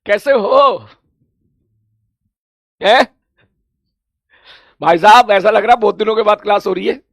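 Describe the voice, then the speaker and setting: A man with a hoarse, gravelly voice that sits high, chatting with students before class. He repeats his greetings and laughs easily. The sound is close and dry. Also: takes it slowly, fairly bright tone, no echo. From India. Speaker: teacher. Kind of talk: casual chat before an online class.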